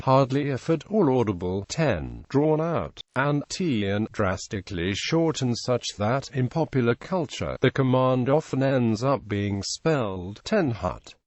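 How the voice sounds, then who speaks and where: A man reading scripted informational narration aloud in a plain, measured way, like an encyclopedia article. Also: mid-range voice, darkish tone, no echo.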